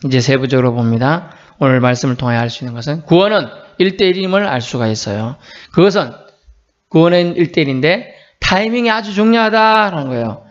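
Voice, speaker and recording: A male pastor preaching a sermon emphatically, swinging between loud exclamations and soft asides, on a dull lo-fi recording. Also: on the high side, expressive, a little fast. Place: church.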